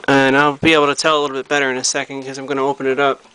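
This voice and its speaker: Indoors at home, a hobbyist vlogger shows off a radio repair project in casual, unscripted show-and-tell narration, thinking aloud haltingly as he handles it. His medium-pitched voice is monotone with a sharp tone. The low-quality recording has slight background noise.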